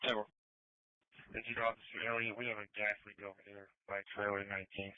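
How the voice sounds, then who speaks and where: A man's voice: lowish voice, little pitch movement, fairly quick, no room sound. A man, a police officer, speaking over a public safety radio, reading terse codes and call numbers. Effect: heard over a public safety radio. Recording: dry, muffled radio transmission.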